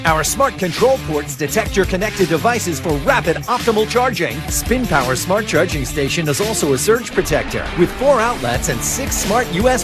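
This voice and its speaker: A man delivering an emphatic, salesy infomercial pitch as an announcer. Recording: music bed under the voice.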